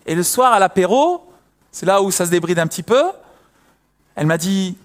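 Young male preacher, high-pitched, lively storyteller who acts out voices. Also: moderate pace. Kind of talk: sermon with personal story.

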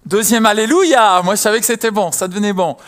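Young male preacher, high-pitched, lively storyteller who acts out voices. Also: very fast. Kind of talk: sermon with personal story.

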